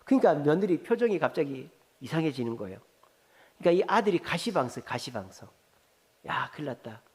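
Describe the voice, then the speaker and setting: A man's voice: a little high, very animated, a little fast, darkish tone. A man preaching a Sunday afternoon sermon as a pastor, telling stories, acting out quoted lines and putting questions to the congregation.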